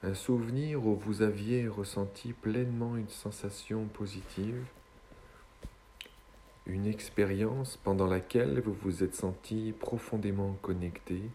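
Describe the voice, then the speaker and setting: Man, slow hypnotist voice, very low and mellow, guided relaxation, soothing, long pauses, faint background noise. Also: fairly even intonation.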